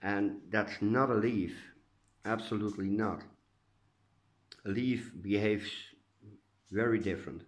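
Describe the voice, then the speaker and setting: A Dutch orchid vlogger, indoors at home, shares a casual update in a fairly low, steady voice. He talks slowly with long pauses, sounding a little stuffy and congested and saying uh a lot as he hesitates.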